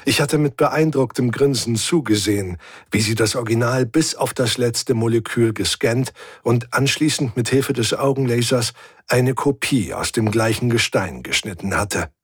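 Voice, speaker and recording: Husky male audiobook narrator. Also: mid-range voice, normal speed, no echo, clean studio sound. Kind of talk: scripted first-person science-fiction narration.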